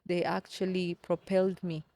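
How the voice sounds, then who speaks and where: With a dark, lowish voice and level tone, a Kenyan woman in her thirties talks at normal speed over slight background noise. As a podcast guest, she recounts personal stories in a candid, earnest, reflective way, frequently repeating words mid-thought.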